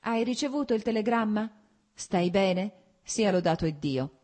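A doting elderly countess chatters fondly, gushing and slipping in bits of French, as a woman narrator puts her on. Her voice sits higher than the reader's own dark, husky tone, lively and affectionate. It is a storybook voice read aloud. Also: measured pace. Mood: warm, fussing. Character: elderly Russian countess, fond, chatty mother.

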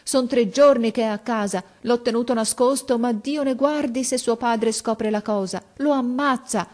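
A woman voicing a desperate, grey-haired older mother who begs and cries with high, loud, imploring speech. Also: normal speed, natural voice. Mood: pleading. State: crying.

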